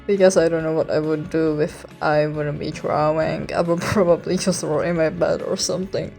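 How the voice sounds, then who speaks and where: A young woman from Czechia with a Czech accent, chatting casually for a vlog in a hushed, awkward, self-conscious and apologetic way. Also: low voice, steady tone, normal speed, vocal fry, faint music behind. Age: young adult. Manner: keeping voice hushed so as not to be heard in the house. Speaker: online video creator. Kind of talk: casual rambling vlog chat.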